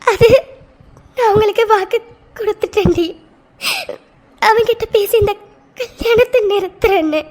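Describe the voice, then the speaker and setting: A woman voicing Mithu, a heartbroken young woman in a cartoon, speaking in a high, tearful voice. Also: fairly even intonation, fairly quick, long pauses, darkish tone. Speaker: cartoon character. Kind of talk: Tamil cartoon voice acting.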